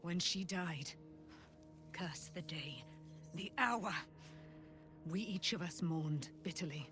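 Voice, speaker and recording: Exalted warrior woman, slow stately delivery, lower-pitched, grand archaic proclamations, devout and vengeful, video game, music behind. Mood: bitter, grieving. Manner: grand, declamatory, archaic phrasing. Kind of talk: video game dialogue, theatrical declamation.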